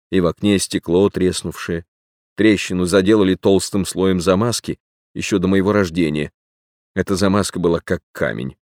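A man reading an audiobook plays a frank, wistful man of about forty-two who speaks earnestly and gravely. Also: sits low, a little mellow, no echo, clean studio sound, natural voice. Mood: nostalgic. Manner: earnest, grave, sentimental confession.

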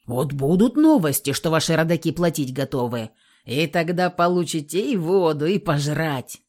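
A woman's voice: sits low, lively intonation, moderate pace, darkish tone. A woman voicing a crude male thug guard who mocks and swears through a door, in an audiobook reading. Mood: mocking crude. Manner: coarse, mocking and swearing.

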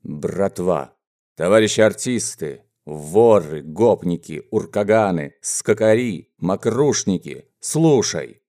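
Man playing a gruff, menacing bandit boss. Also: sits low, animated, warm tone, heavily acted. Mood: commanding. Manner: gruff, slow, threatening speechifying. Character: menacing mustached male bandit gang boss.

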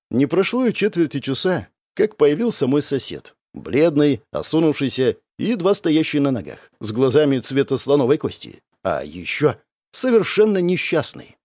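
Animated male audiobook narrator. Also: medium pitch, dry recording, clean studio sound. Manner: expressive, animated storytelling. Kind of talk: first-person audiobook narration.

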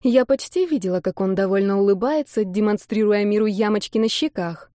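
Brief: female audiobook narrator, warm mellow tone, dry close sound, expressive. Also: mid-range voice, brisk, no room sound. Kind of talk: first-person audiobook narration.

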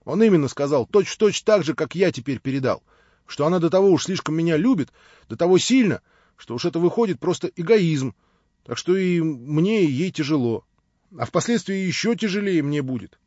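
A man's voice: a little high, expressive, fairly quick, a little mellow, no room sound. A man voicing a naive young man who talks in a plaintive, rambling way, read from an audiobook. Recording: dry, slightly dull lo-fi audio.

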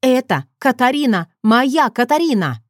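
A woman voicing a defiant young heroine, an older sister who answers with sharp, indignant retorts. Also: high voice, very animated, measured pace, no echo, clean studio sound, voice pushed up. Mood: alarmed.

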